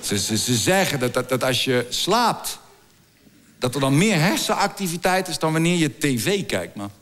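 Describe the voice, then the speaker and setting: A middle-aged man doing a stand-up comedy routine for a live audience. He stammers and repeats words as he builds crude, deadpan jokes. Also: on the high side, moderate pace, a little hiss or hum.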